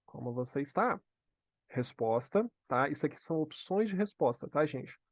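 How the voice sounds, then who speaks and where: A man with a Brazilian Portuguese accent teaching a live online English lesson. He slows down to model phrases for students to repeat and checks in often with "tá?". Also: fairly high pitch, expressive, no room sound. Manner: frequent "tá?" check-ins.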